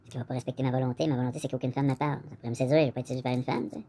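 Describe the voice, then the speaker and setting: A Québécois-accented vlogger with a medium-pitched, gravelly yet mellow voice speaks rapid-fire in a steady tone. He rambles casually, addresses the viewer directly, and frequently uses "là" as filler.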